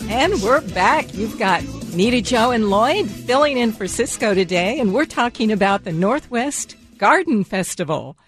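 A woman's voice: fairly high pitch, animated, normal speed, few pauses, faint music behind. An American woman hosting a casual radio chat in a chatty, enthusiastic way. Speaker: radio host.

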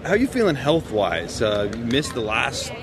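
A man's voice: medium pitch, huge pitch swings, moderate pace, crowd noise. A man, a sports podcast host, asking a player friendly, casual questions at a media day.

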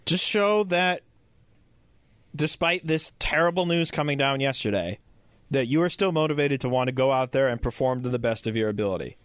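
An American man chats as a panelist on a sports podcast. His voice is mid-pitched and casual, recorded dry. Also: lively intonation, moderate pace, no echo.

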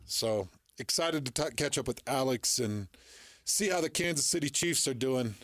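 A man's voice: mid-range voice, normal speed, no echo, studio quality. A man hosting a sports radio show, chatting casually and pushing back with disbelief. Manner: animated, incredulous pushback.

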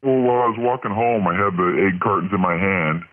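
Guy caller with a voice changer, super deep, sounds tinny like a phone, sheepish jokey story. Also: a little fast, a crowd in the background. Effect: voice changer disguising his voice. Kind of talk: casual confession story.

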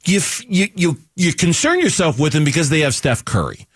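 A man's voice: a little high, very animated, a little fast, breathy edge, no echo. A man co-hosting sports talk radio, emphatic and repetitive, restarting his sentences often. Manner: emphatic, repeats himself, many restarts.

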